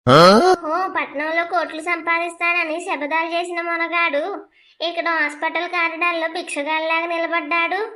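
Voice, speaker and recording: A woman's voice: extremely high pitch, level tone, fairly quick, pushed and bright. An actress voicing a spiteful village woman who taunts a poor man in a cartoon drama. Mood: sneering. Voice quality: sneering, mocking.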